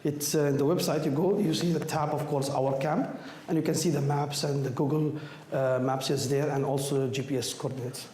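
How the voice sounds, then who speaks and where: His voice nearly gone from a cold, a man representing an astronomy group fields audience questions in halting non-native English, repeating words and phrases. His pitch is fairly high, his intonation fairly even and his tone darkish. The indoor room with an audience sounds echoey, with some background noise.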